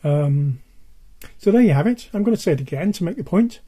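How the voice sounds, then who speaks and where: An older man presenting casually in a halting way, his hoarse, worn voice giving out as he stresses his points. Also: high-pitched, lively intonation, warm tone. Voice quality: husky, dull and worn. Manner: halting, repeats points for emphasis. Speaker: presenter of a music tech video. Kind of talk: casual product-advice talk.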